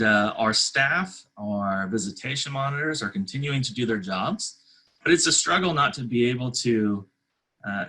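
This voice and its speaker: Husky, bright-voiced man being interviewed. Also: lowish voice, poor audio. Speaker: charity representative being interviewed. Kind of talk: conversational interview answers.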